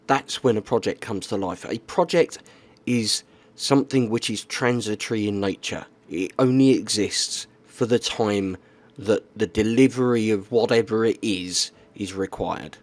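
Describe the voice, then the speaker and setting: A man's voice: fairly low pitch, unhurried. A man explaining things in a casual, plainspoken monologue, often checking in with "okay?" and "right". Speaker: YouTuber.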